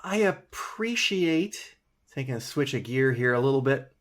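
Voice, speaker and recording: A man's voice: medium pitch, expressive, unhurried, a bit bright. A man from the United States co-hosting a podcast, chatting casually and rambling with lots of restarts. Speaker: podcast co-host. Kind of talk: casual chat.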